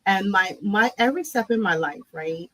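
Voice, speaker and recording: A woman's voice: mid-range voice, lively intonation, moderate pace, bright, forceful tone, dry recording, low-quality recording. A woman from Barbados, a guest speaking reflectively in an interview and often asking "right?". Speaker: guest, nonprofit CEO. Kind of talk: conversational interview.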